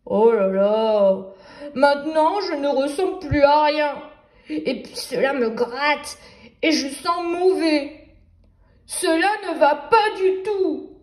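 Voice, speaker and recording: A woman voicing a big, fussy male wolf who loudly complains about how he looks. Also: high voice, slow, roomy sound. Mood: glum. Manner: loud exclaiming, theatrical complaints.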